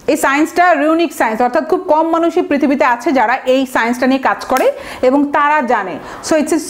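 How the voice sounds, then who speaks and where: A woman from Bangladesh teaching exam vocabulary in a recorded lecture, explaining patiently and spelling words out letter by letter. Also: high voice. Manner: mixes English words and example sentences into her explanations.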